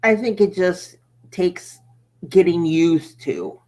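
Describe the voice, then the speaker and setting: An American woman hosting a casual chat in a relaxed, friendly way. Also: on the low side, slow pace. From United States. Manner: friendly, easygoing, laughs often.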